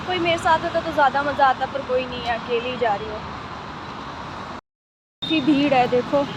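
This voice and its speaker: A young woman talking casually to her phone camera in a vlog. She speaks softly and quietly. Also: high voice, background noise. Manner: soft-spoken, talks quietly. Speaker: vlogger. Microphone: phone held in hand, no external mic.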